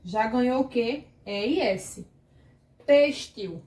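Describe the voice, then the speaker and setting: Slow, patient Brazilian woman teacher. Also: a little high, expressive, a little mellow, reverberant. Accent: Brazilian Portuguese. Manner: patient, asks the class questions and checks with "certo?". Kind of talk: grammar lesson for children.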